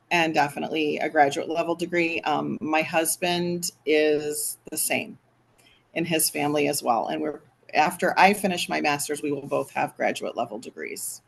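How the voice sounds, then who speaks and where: A woman in her fifties, a longtime teacher and graduate student, introducing herself hesitantly with many pauses. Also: low-pitched, vocal fry, slight background noise. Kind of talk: casual self-introduction in a group meeting.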